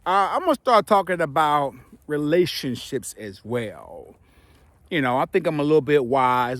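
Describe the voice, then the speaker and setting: With a medium-pitched voice, a middle-aged man playfully and casually advises viewers on relationships, stressing his points and pausing dramatically. His retainers slightly impede his speech, and the recording is dry.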